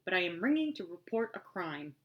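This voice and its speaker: A woman's voice: fairly low pitch, big pitch swings, fairly quick, highs cut off. Lady reading as a serious little girl, earnest, trying to sound grown up. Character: determined, serious young girl.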